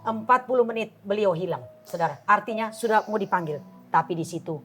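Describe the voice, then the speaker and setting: A woman's voice: medium pitch, brisk, fairly bright tone, soft background music. A woman pastor in her fifties with an Indonesian accent, giving an emphatic, preaching testimony on a TV talk show. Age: 50s. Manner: fervent, emphatic preaching, addresses listeners as saudara.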